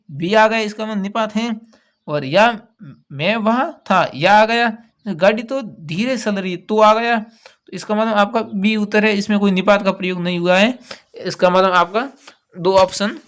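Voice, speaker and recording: Male teacher, high-pitched, patient, repeats key words while going through test answers. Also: a little slow, a bit bright. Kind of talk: exam answer walkthrough.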